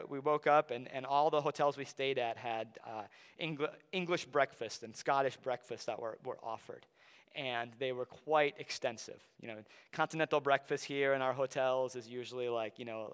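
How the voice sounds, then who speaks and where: Bright, clear man preaching in a hall. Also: medium pitch. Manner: conversational, slowing down to stress key phrases. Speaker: pastor. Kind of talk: sermon with Bible reading and personal story. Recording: long reverb of a large hall.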